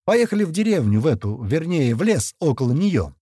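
A rough male villager recounts events bluntly and gruffly, voiced by a male narrator. His voice rises and falls with life, and the sound is dry and close. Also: on the high side, sing-song, brisk, dark tone, no room sound, pitched above the performer's own voice. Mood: recounting.

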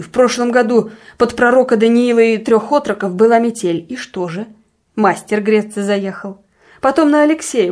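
A grumbling, suspicious village sexton, as a woman puts him on for a storybook reading. He mutters low and accusing, then flares into loud, bitter outbursts. His voice sits at a middling pitch. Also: natural voice.

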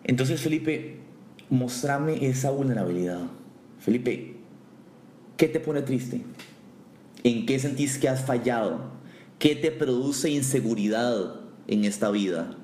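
A Costa Rican man in his forties hosting a comedic interview, teasing his guest in a mock-serious way, with halting restarts. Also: mid-range voice, lively intonation, a little mellow. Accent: Costa Rican Spanish. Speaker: host. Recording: echoey room with faint noise.

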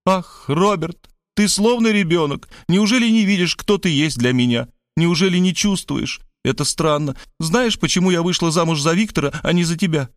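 Audiobook figure: man raising his voice to play a doting, melodramatic woman, high and gushing, dry close sound. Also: moderate pace, no echo, natural voice. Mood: doting, dramatic. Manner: gushing, pathetic exclamations, high-pitched. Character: pleading, theatrical middle-aged woman, doting and dramatic. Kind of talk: audiobook character voice.

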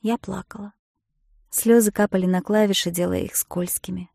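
A woman reading an audiobook in the first person, expressive, moving between hushed and loud passages, close to the mic. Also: medium pitch, normal speed, vocal fry, no room sound. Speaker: audiobook narrator. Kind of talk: scripted narration.

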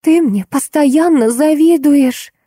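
A woman voicing an emotional young mother who speaks in a high, drawn-out, pleading way. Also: mellow, no echo, clean studio sound. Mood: defensive.

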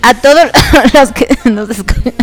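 A woman with a higher voice hosts an online radio show at an unhurried pace, soft music playing behind her. She sounds nasal and congested from allergies as she chats casually about K-dramas, full of fillers and giggles.

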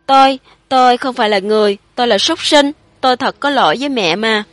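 A woman's voice: a little high, moderate pace, fairly bright tone, no room sound, soft background music, close to an everyday voice. A woman voicing a frightened, guilt-ridden middle-aged man, confessing in a tearful, pleading way for a spoken horror story. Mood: wailing remorse.

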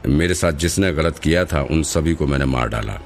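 Nervous young killer fan, quiet and meek, very low voice, a man reading it. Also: animated, normal speed, faint music behind. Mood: confessing.

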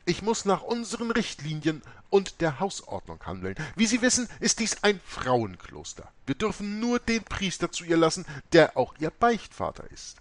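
A man's voice: high voice, wildly swooping pitch, moderate pace, hardly any pauses, pitched above the performer's own voice. A man reading an audiobook, voicing an indignant, commanding female convent head who scolds sharply. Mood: stern.

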